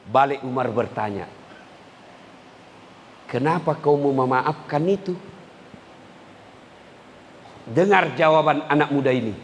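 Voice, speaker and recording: A man preaching a humorous sermon, joking with his listeners and jumping into high voices for the people he quotes. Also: takes it slowly, pauses often, a little hiss or hum. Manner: lively, jokes with the crowd, acts out quoted voices in high pitch. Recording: long hall reverb, faint ambience.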